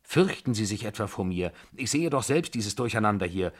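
A man's voice: fairly low pitch, animated, a little fast. A man voicing a lovesick young tutor who confesses in an agitated, pleading way in an audiobook. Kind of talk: audiobook dialogue.

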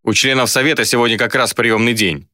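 A man's voice: medium pitch, steady tone, brisk, sharp tone, no room sound, pitched above the performer's own voice, close to an everyday voice. A narrator doing a stern, menacing male leader who barks orders and threatens the room. His authority is unquestioned, delivered in a dry, close audiobook voice. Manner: barking, authoritative.

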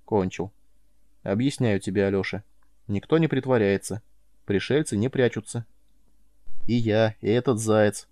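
Man as a patient alien mentor, dry, measured, dark-toned, close dry recording. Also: fairly low pitch, no echo, lightly acted.

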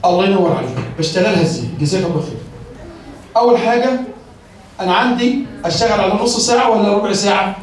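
A man with an Egyptian Arabic accent and a very high voice, lecturing teachers in a classroom. He explains step by step and keeps asking questions he then answers himself. The mic sits far off in a very echoey room. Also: animated, fast, pauses often, a little hiss or hum. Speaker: teacher trainer. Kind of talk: lecture on teaching children to read.

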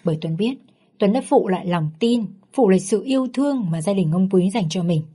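A woman narrating a family drama story in a steady, heartfelt reading. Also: medium pitch, a little fast, husky. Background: faint background music.

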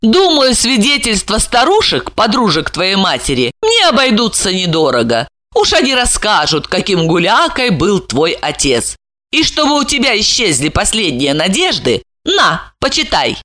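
A woman's voice: mid-range voice, huge pitch swings, normal speed, fairly bright tone. A woman reading aloud, voicing a scheming young woman who taunts and mocks her victim. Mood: taunting. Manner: sneering, taunting.

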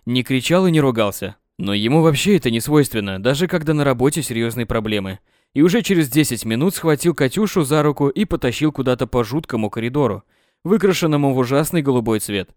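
A man narrating a story in an expressive audiobook style. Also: mid-range voice, quick pace, dry recording, studio quality. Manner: animated, voicing all the characters.

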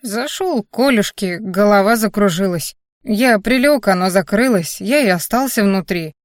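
A sheepish, grumbling old father-in-law speaks slowly and softly in an audiobook, as a woman narrator puts him on. His lines come out plain and unhurried, with a mid-range voice in a dry, close recording. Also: medium pitch, animated, dry recording, natural voice. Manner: slow, quiet, grumbling.

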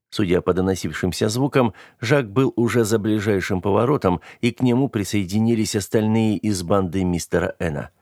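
A man with a low voice reads a first-person tale in a steady, measured manner. The sound is dry and close, with no room around it. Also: no echo. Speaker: audiobook narrator. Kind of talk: first-person scripted narration.

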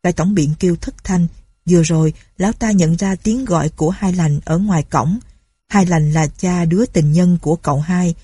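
Low, husky woman storyteller. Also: normal speed, dark tone, no echo, studio quality. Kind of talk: reading a story aloud.

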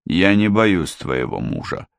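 A man's voice: deep voice, very animated, unhurried, gravelly, no echo, exaggerated voice. A man voicing a sinister impostor preacher, cold, insolent and clipped, recorded dry and close.

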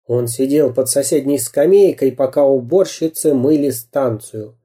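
A man reading a children's story aloud, slow and measured. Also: medium pitch, dark tone. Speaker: narrator.

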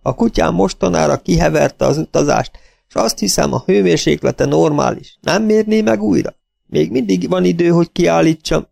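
A man's voice: on the high side, creaky, a little mellow, dry recording, voice pushed up. A man voicing a desperate moustached dog owner who pleads and then rages, in a storybook reading. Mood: pleading.

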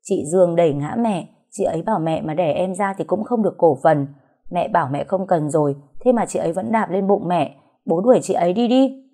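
A haughty, scheming young woman who shouts accusations with a low, mellow voice, as a woman narrator puts her on. In this audio story she stays cold and arrogant. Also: lively intonation, brisk. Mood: feigned innocence.

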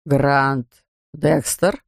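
A man voicing a pompous older male surgeon, gruff and sarcastic. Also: mid-range voice, steady tone, extremely slow, no echo, clean studio sound, voice pushed down, exaggerated voice.

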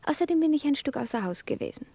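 An actress playing an impulsive, ardent young merchant's daughter in a 1950s German radio play, often speaking in a breathy half-whisper. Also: female voice, high-pitched, lively intonation, fast, warm tone. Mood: tender.

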